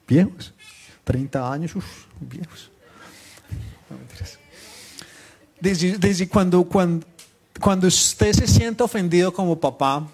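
Fairly high-voiced man preaching conversationally. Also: darkish tone. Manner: conversational, asks the room direct questions; teasing asides with the audience. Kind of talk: live sermon to a congregation.

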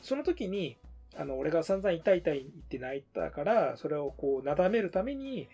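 A man's voice: a little high, sing-song, moderate pace, gravelly, warm tone, breathy edge, soft background music. A man co-hosting a podcast in casual chat with a friend. He is chatty and often laughs while he talks. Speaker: podcast co-host. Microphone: remote recording.

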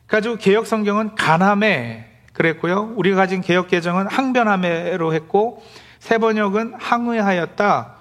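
A man with a high voice delivers a sermon in a plain, conversational way. He is middle-aged and preaches as a pastor to his congregation, slipping into acted-out complaints from the people he describes.

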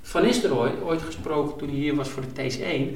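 Man, fairly high voice, coach type, animated storyteller, echoey room. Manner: animated storyteller, quick to jump in. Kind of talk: casual conversation. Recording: roomy.

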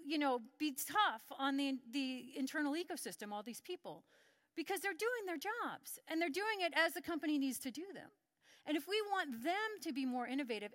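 A woman's voice: sits high, no echo. A middle-aged woman giving a conference talk, telling stories and acting out what colleagues said. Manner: lively storytelling, acts out quoted colleagues. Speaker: conference speaker.

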